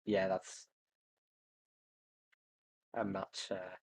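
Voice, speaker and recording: A man's voice: deep voice, flat delivery, drawn-out words, vocal fry, darkish tone, breathy edge. Young man muttering through a livestream. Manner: hesitant, muttering to himself with fillers. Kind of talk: live gameplay commentary, thinking aloud.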